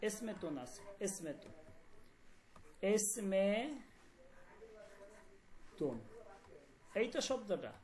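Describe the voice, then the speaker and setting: A woman teaching a language class online, explaining words slowly and often asking whether students follow. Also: mid-range voice, very animated, warm tone. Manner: repeats words and checks understanding often.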